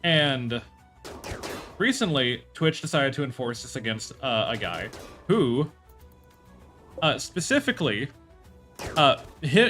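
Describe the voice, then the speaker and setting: A man's voice: medium pitch, bright, forceful tone. A man streaming live, talking casually and rambling, with many fillers, restarts and some swearing.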